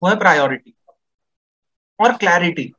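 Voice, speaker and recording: On a podcast, a male guest with a high-pitched, bright, husky voice speaks at a moderate pace with lively intonation and a forceful tone. Throughout the casual discussion he gives long explanations in Hinglish, full of fillers.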